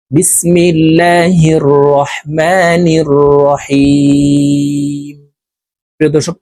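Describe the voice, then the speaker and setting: A man with a Bangladeshi Bengali accent, teaching Quran reading with slow, drawn-out syllable drills and repeated words. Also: a little high, warm tone, no room sound. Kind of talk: step-by-step recitation lesson.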